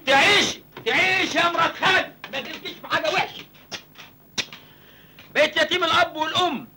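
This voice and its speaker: A man's voice: very high voice, fast talker, background noise. An actor playing a naive, self-pitying young country man newly arrived in the city, speaking Egyptian Arabic in a comic film. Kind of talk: comedy film acting.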